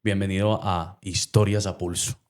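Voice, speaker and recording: A man's voice: low-pitched, little pitch movement, moderate pace. A man with a Medellín Colombian accent, hosting a podcast and asking his guest questions in a friendly, enthusiastic way. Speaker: podcast host. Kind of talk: casual interview chat.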